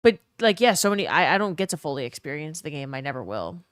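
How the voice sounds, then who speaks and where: A woman's voice: low voice, big pitch swings, quick pace, heavy background noise. A woman streaming a game, chatting casually and informally, swearing a little as she reminisces and reacts aloud. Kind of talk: casual chat while playing a game.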